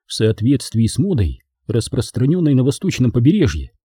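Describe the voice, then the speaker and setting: A man reads an audiobook with an expressive, dramatic delivery and a lively pitch. His voice is dark and husky, and the recording is close and dry. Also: brisk, no room sound. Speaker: audiobook narrator. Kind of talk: audiobook narration.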